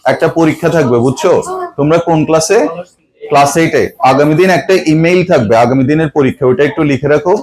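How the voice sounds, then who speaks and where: A man's voice: mid-range voice, darkish tone, rough recording. A man teaching an English grammar lesson to a class. He keeps asking the students questions and mixes Bangla with English.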